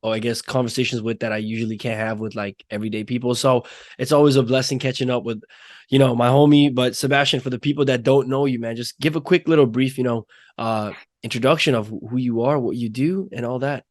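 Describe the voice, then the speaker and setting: A man's voice: medium pitch, fairly even intonation, fast, dry recording, studio quality. A man hosting a casual interview, friendly and laid-back, with slang and "you know" fillers. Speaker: interview host.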